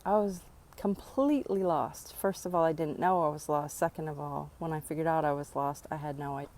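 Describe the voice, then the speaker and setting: A woman's voice: low-pitched, brisk, darkish tone. A woman speaking earnestly into her phone outdoors near her home, giving a reflective motivational vlog with sighs between thoughts. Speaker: vlogger.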